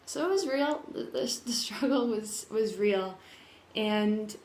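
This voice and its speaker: A woman speaks pensively in a mid-pitched voice, as if thinking aloud in a personal vlog. The delivery is earnest and open, with thoughts that trail off and get picked up again. The room adds a clear echo around the words. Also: expressive, slow pace, darkish tone. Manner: candid, earnest, emotionally open. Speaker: personal development vlogger sharing their own journey. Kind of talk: reflective personal vlog monologue. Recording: echoey room.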